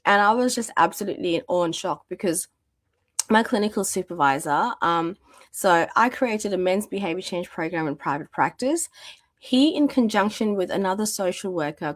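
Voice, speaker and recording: Fairly low in pitch and free of room sound, the voice comes from a woman in her thirties who is a domestic violence practitioner. As an interview guest she tells her story chattily, with plenty of fillers, even as her voice is going.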